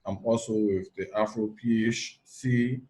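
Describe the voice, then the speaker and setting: A man from Liberia, a nurse anesthetist, giving measured factual answers with pauses and fillers in a video call interview. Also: fairly low pitch, fairly even intonation, dark tone, rough recording.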